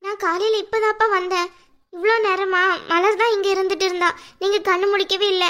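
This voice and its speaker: A woman voicing a gentle young woman who soothes and pleads with her sick father-in-law. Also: extremely high pitch, little pitch movement, a little fast. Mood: pleading.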